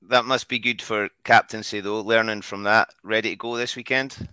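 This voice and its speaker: Male podcast host, forceful clean tone, dry close sound, bantering interviewer. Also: on the low side, steady tone, normal speed, clear, resonant tone, dry recording.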